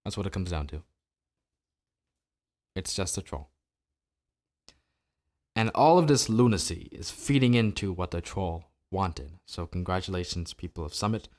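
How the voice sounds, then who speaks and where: A New Jersey man hosts a solo political commentary podcast, sarcastic and opinionated, peppering his talk with rhetorical questions. His deep, darkish voice moves fairly quickly with hardly any pauses.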